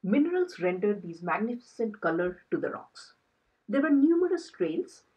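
A woman narrates her hiking trip in a calm, scripted voice-over. Her voice is very husky and breathy, and her pitch sits in a middle register. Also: moderate pace, highs cut off. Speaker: travel vlogger.

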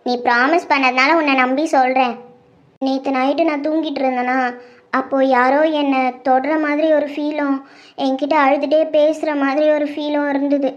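Woman voicing a scared young girl, high and timid. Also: level tone, moderate pace, highs cut off, lightly acted. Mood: frightened. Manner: hesitant, pleading. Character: timid teenage girl, anxious younger sister. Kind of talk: web-series horror drama acting.

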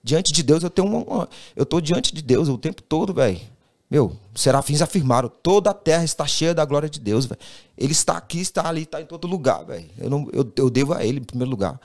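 Guy on a podcast, rattles off his story quick, keeps acting out what everyone said. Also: a little high. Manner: animated, acts out quoted dialogue, says "velho" constantly. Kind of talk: casual storytelling.

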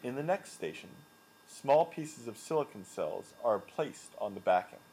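A man giving a scripted voice-over that explains a machine step by step, in an even, explanatory way. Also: medium pitch, unhurried, a little hiss or hum, low-quality recording.

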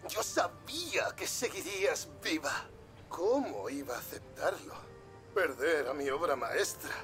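Unhinged gloating video game villain, taunting delivery, higher-pitched, very animated. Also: male voice, exaggerated voice. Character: unhinged, gloating male villain, theatrical artist type.

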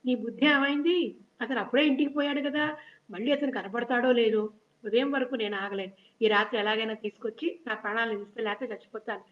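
A woman's voice: fairly high pitch, steady tone, fast, echoey room, lightly acted. A woman reading the lines of a shy, lovesick young princess who frets and reproaches herself, in a children's story reading. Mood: fretful. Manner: fretful, self-reproaching. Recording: dull lo-fi recording.

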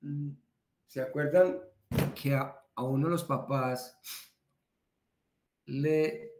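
A man's voice: mid-range voice, steady tone, slow, a little mellow, a little hiss or hum. A man with a Colombian accent giving a training talk in a conversational way, repeating words for emphasis. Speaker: instructor. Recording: roomy echo.

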